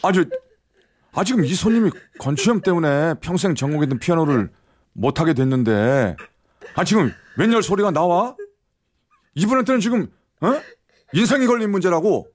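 A man's voice: high voice, animated, normal speed. An actor playing a flustered young male shop clerk who stammers, in a radio drama. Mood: indignant.

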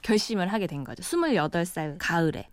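A woman's voice: on the low side, big pitch swings, fairly quick, no room sound, clean studio sound. A woman in her thirties, a tourist train attendant, answering an interview in an earnest, reflective way.

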